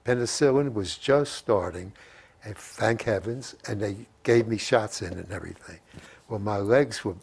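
Gravelly elderly man reminiscing. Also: on the low side, moderate pace, darkish tone. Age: 80s. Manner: rambling, repeats phrases, quotes remembered dialogue. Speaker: WWII veteran being interviewed. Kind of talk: reminiscing, anecdotal interview storytelling. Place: living room at home. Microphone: lapel mic.

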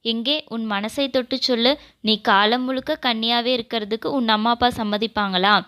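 A woman's voice: fairly high pitch, fairly even intonation, moderate pace, fairly bright tone, clear, resonant tone, close to an everyday voice. A woman reading the part of a wounded, angry young husband in a romance audio novel, in a bitter, accusing tone. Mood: furious.

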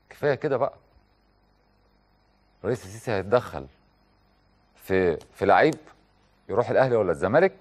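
A man's voice: mid-range voice, a little mellow. A man with an Egyptian accent hosting a TV talk show, delivering an impassioned studio monologue full of rhetorical questions and direct appeals.

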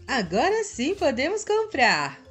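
A Brazilian woman narrates gameplay for children in a high, squeaky, sing-song voice. Her pitch swoops in a bright, welcoming way and she takes her time over the words. Music plays behind her. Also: wildly swooping pitch, unhurried. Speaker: host of a children's gaming channel. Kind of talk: cheerful kids' gameplay narration. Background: background music.

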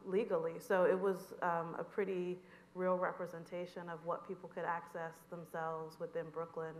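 A woman's voice: lowish voice, slight background noise. A woman curator explaining a project on stage, often filling gaps with "you know". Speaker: curator and moderator. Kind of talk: onstage conversation. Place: auditorium stage. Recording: echoey auditorium.

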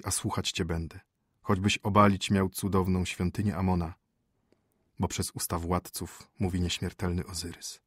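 A solemn old high priest, calm and formal, speaking low and hushed with a ceremonious cadence, as a male narrator puts him on. The voice is deep and husky, and it sits close and dry. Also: no room sound.

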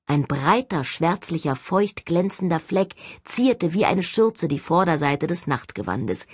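A woman reading a first-person audiobook narration with an expressive, dramatic delivery. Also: on the low side, slightly rough, no room sound, studio quality. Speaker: audiobook reader.

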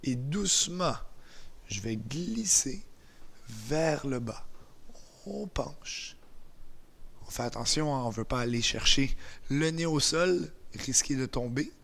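A man with a Québécois French accent guides a gentle exercise class at an unhurried, deliberate pace. He speaks calmly and encouragingly, and his countdowns drop to a soft hush. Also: medium pitch, vocal fry. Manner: calm, encouraging, counts down softly. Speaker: exercise instructor. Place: indoors beside a chair.

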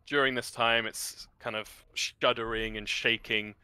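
A man narrating a tabletop game as game master, descriptive and halting as he searches for words. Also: mid-range voice, flat delivery, bright, forceful tone, clean tone, no room sound.

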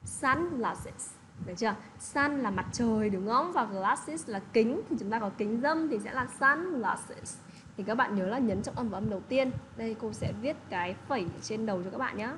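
A woman's voice: fairly high pitch, a little fast, hardly any pauses, background noise. Patient woman teaching English to kids. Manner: patient, repeats checks like "được chưa". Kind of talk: online English lesson for children.

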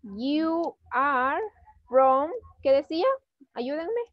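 A woman's voice: high voice, drawn-out words, dry recording, highs cut off. A woman teaching an online English class, patiently coaxing her pupils and mixing Spanish with English phrases.

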